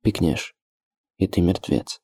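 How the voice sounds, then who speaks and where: A man voicing a desperate hunted young fugitive in an audiobook, speaking low, hoarse and menacing. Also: slow pace, darkish tone, no echo, studio quality, heavily acted. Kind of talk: audiobook character voice.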